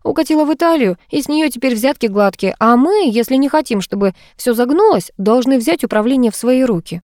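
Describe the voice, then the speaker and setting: An anxious young wife who speaks earnestly about family trouble, voiced by a female reader. Her pitch lifts a little above a plain narrating voice. The sound is close-miked and dry. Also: lively intonation, brisk, darkish tone, no room sound, natural voice. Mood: worried. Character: worried young married woman.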